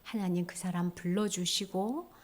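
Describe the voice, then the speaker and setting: A woman giving a children's sermon in a church, animated, acting out little voices and dropping to a whisper for key points. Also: on the low side, measured pace. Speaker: children's ministry teacher.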